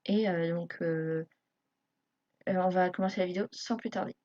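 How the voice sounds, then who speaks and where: A woman's voice: fairly low pitch, fairly even intonation, normal speed, darkish tone, no echo. Hesitant young-sounding woman. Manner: hesitant, many fillers, self-conscious beginner. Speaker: YouTube tutorial maker. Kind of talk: live screen tutorial narration. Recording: dull lo-fi home recording.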